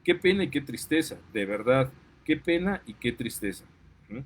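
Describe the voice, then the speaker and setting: A man's voice: medium pitch, animated, normal speed. Indignant Mexican man ranting. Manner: indignant, gets worked up, apologizes for outbursts. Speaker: parent and commentator. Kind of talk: impassioned monologue.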